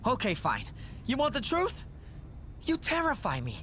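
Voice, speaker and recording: An actor voices a nervous, fawning wrestling manager who rambles anxiously in a video game cutscene. His exaggerated voice is extremely high and a bit bright, with huge pitch swings at a measured pace over slight background noise.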